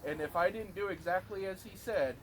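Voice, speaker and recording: A man's voice: high-pitched, a little fast. A man reading a prepared eulogy for his grandfather from notes, now and then stumbling on a word. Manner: reads from notes with occasional stumbles on words. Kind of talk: prepared eulogy read aloud. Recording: clearly noisy recording.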